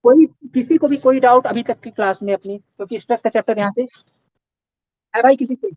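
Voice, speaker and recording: A man's voice: very high voice, brisk, darkish tone, dry recording, low-quality recording. A man teaching a live online engineering class, asking questions and answering them himself and often checking that students are following. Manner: repeats checks like "okay" and "clear?"; Hindi mixed with English technical terms.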